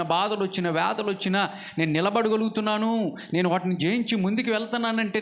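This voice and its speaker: Man, pastor, Telugu accent, high voice, fervent sermon with storytelling. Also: a bit bright. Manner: fervent preaching, rhetorical questions to listeners.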